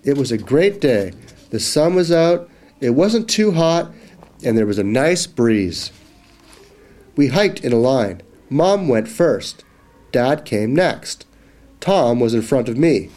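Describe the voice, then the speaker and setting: A man voicing a friendly father telling a spooky campfire story to his kids, slow and dramatic. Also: mid-range voice, animated, warm tone. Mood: storytelling.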